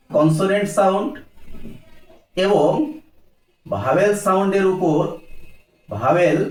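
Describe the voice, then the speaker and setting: A man's voice: high voice, echoey room, distant mic. A man teaching a grammar lesson, asking questions and answering them himself.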